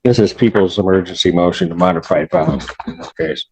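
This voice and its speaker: A middle-aged man presides as judge in courtroom proceedings, his deep voice showing vocal fry and a slightly mellow quality. The recording is low quality, and he speaks sternly and emphatically in a measured, lecturing way.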